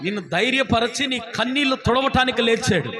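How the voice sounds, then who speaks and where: A man's voice: very high voice, expressive, a little fast, crowd noise. A man preaching a fervent sermon as pastor, calling out hallelujah and acting out the voices in his stories. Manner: fervent, calls out hallelujah, acts out quotes. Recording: live church service with congregation. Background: congregation.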